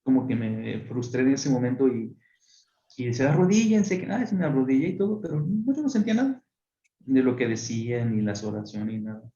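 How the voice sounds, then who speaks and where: A friar being interviewed on a radio program, telling a personal testimony with lively, acted-out voices. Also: male voice, mid-range voice, fairly quick, roomy sound, dull audio. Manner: animated storyteller who acts out voices. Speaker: friar telling his story. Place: radio studio.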